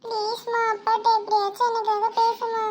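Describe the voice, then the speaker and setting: A woman's voice: very high voice, completely flat delivery, normal speed, a little hiss or hum. A woman voicing a college-age daughter who dreams of being a singer, pleading and tearful in a cartoon. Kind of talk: cartoon voice acting. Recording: loud background music.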